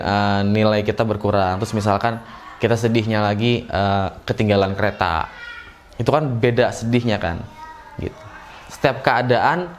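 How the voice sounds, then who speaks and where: A man talks through an acting lesson in a loose, conversational way. His voice sits at an ordinary middle pitch. A faint hiss of noise runs under his voice. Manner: relaxed and chatty, acts out short emotional examples. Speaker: acting teacher. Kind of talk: casual classroom-style lesson.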